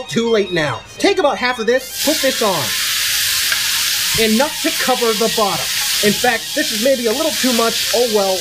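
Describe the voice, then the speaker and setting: Cooking host, tipsy and brash, very animated intonation, casual sweary how-to delivery, music and frying underneath. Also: mid-range voice, rough recording. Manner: tipsy, drunk; brash, irreverent, playful. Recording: music behind, sizzling pan. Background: music and frying sizzle.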